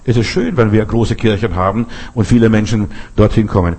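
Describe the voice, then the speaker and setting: A man's voice: fairly low pitch, fairly even intonation, fairly quick, a little mellow, breathy edge. A man preaching a folksy sermon, talking straight to his listeners with many asides. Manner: folksy, addresses listeners directly with frequent asides. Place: Berlin.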